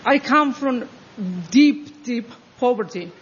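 A new citizen from Honduras giving a halting, emotional personal speech at an outdoor ceremony. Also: medium pitch, expressive, fairly bright tone. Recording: dull audio with faint ambience.

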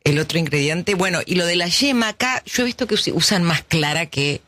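A man's voice: sits high, brisk, sharp tone, no echo. A man hosting a talk show interview, playful and enthusiastic.

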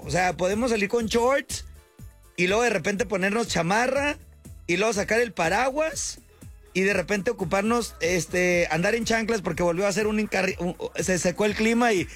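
Man, radio host, high voice, slangy laid-back chat, faint music under the voice. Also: fairly bright tone. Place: radio studio.

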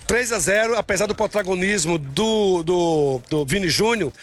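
A man's voice: sits high, lively intonation, moderate pace. A man from Brazil, interviewed outdoors in a city square, who talks freely and stumbles over some words. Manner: talkative, with stumbles and repeats. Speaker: interviewee, fan on the street.

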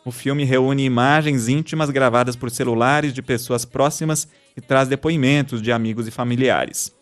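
A man's voice: medium pitch, fairly even intonation, normal speed, faint music behind. Man reading the news. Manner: reads listener messages aloud. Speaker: news podcast host.

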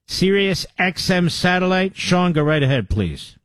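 A man's voice: high-pitched, big pitch swings, unhurried, a bit bright, dry recording. A man hosting a call-in radio show, blunt and emphatic as he takes callers. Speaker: radio talk show host. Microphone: studio microphone.

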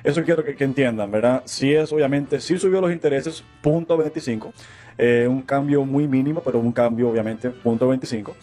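A man's voice: mid-range voice, fairly quick, warm tone. A man from Cuba in his thirties, speaking as a mortgage lender on a talk show. He explains earnestly, in a mid-range voice, with many fillers and restarts. Faint music plays behind him. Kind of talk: guest interview, explaining.

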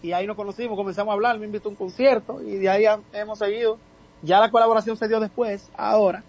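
A man with a Dominican accent, a guest singer in a casual interview, pausing often with filler sounds. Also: sits high, flat delivery, darkish tone, highs cut off. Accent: Dominican Spanish. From Dominican Republic. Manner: halting, many filler sounds.

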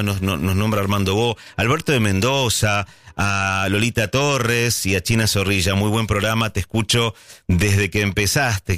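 Argentine man, low voice, hosting a relaxed late-night radio show over faint music. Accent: Argentine Spanish. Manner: musing, reminiscent, relaxed, speaks over soft music. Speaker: radio host.

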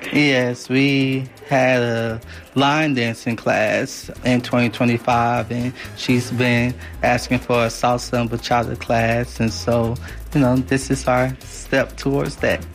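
A man describes his dance class in a calm, matter-of-fact way. His voice stays flat and even. Soft music plays in the background. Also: medium pitch, slow.

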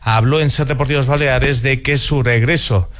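A man presenting the sports segment of a radio news show in a plain, even read. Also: mid-range voice, moderate pace.

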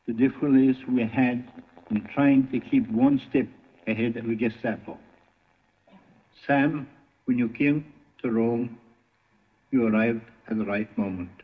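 A priest speaking in an old archive broadcast recording, delivering a slow, measured radio tribute. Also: male voice, mid-range voice. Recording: tinny old recording with hall echo.

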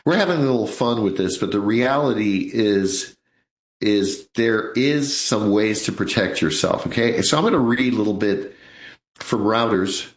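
A man's voice: lowish voice, normal speed, roomy sound, low-quality recording. A man in his sixties hosting a live financial radio show, chatting in a folksy way and calling his listeners folks. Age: 60s.

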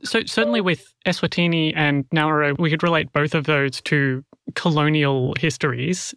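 A man interviewing a guest on radio, asking questions and reading scripted narration in a measured, clear way. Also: on the high side, a bit bright, dry recording, clean studio sound.

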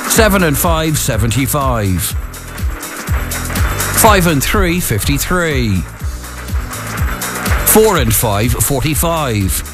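Irish man calling bingo numbers, very varied pitch. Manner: deliberate number calling, repeating each number. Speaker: radio bingo caller. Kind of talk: bingo caller reading out numbers. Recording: music bed behind the voice.

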